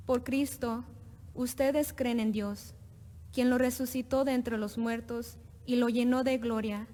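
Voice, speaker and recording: A woman reading scripture as a lector at Mass, solemn, formal and deliberate, in a cathedral echo. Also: a little high, a little mellow. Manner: deliberate, formal, pausing between phrases. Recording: cathedral echo, long reverb, faint noise.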